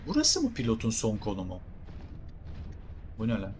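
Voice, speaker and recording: A young man with a Turkish accent doing excitable, jokey game commentary and talking to his viewers. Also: fairly low pitch, normal speed, slight background noise. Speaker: gaming streamer.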